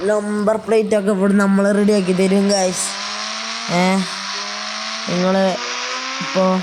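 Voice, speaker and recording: A woman's voice: medium pitch, little pitch movement, a little slow. A woman chatting casually as a vlogger, mixing English words into her talk and often addressing viewers as guys. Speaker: vlogger giving a showroom tour. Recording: loud car and engine noise.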